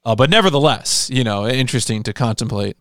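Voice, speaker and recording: A man's voice: medium pitch, expressive, quick pace, a bit bright, dry recording, clean studio sound. A man co-hosting a podcast in casual, conversational talk. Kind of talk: casual chat.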